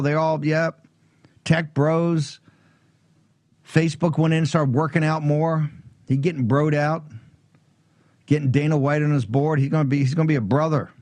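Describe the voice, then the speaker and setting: A man's voice: on the high side, no room sound. A man hosting a political talk show, delivering a fiery, blunt monologue with sarcasm and swearing.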